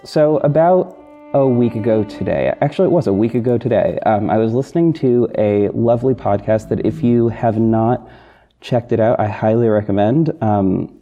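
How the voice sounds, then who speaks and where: A man hosts a podcast, talking informally and hesitantly to his listeners, often breaking off mid-thought and starting again. He is a podcast host as well as an audio drama narrator and producer, giving a casual behind-the-scenes solo talk. His voice is fairly low, the audio sounds dull, and soft plucked guitar music plays beneath him.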